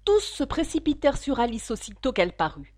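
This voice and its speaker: A woman narrating a children's storybook with expressive, animated reading. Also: fairly high pitch, fairly quick, no room sound. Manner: expressive reading, voices for each figure. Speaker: audiobook reader.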